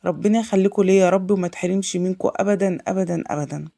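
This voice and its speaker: A woman's voice: on the low side, fast talker, vocal fry, mellow. A woman with an Egyptian accent and a sore throat, chatting effusively at home in a casual vlog and piling up thanks and oaths. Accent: Egyptian Arabic. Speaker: homemaker vlogger.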